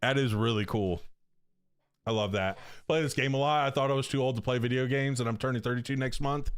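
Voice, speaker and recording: A man's voice: mid-range voice, a little fast, smooth, no echo. A man in his thirties streaming a football video game, talking in a loose, slangy way with lots of fillers. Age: 30s. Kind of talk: casual live-stream chat.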